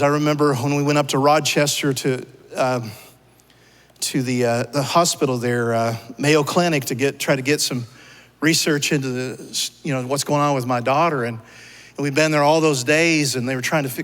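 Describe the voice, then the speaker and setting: A man's voice: fairly high pitch, a bit bright. A male pastor preaching a sermon in a church, talking conversationally and asking his listeners rhetorical questions. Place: church sanctuary. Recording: long church hall reverb.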